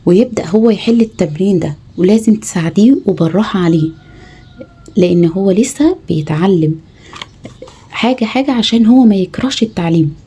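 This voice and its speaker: Husky, dark-voiced Egyptian woman teacher. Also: mid-range voice, lively intonation. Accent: Egyptian Arabic. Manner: patient, slow, spells out letters one by one. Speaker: teacher guiding mothers. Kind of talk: home tutoring lesson.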